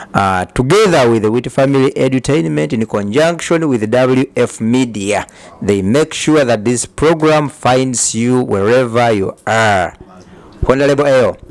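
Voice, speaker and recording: A man hosting an interview, speaking in a measured, earnest way and often murmuring acknowledgements. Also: mid-range voice. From Uganda. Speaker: talk show host. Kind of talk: interview and closing remarks.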